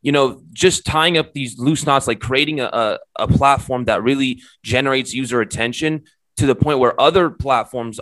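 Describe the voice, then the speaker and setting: A man hosts an interview with eager enthusiasm, summing up his guest's points in long, winding remarks. His voice has an ordinary middle pitch. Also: a bit bright. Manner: enthusiastic, recaps at length. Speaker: interviewer, host. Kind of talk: casual interview.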